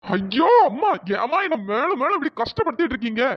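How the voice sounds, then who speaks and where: A voice actor playing a desperate young husband in a cartoon drama, pleading and wailing in a pitch-raised voice. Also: big pitch swings, fast talker, no echo, muffled recording. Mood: exasperated.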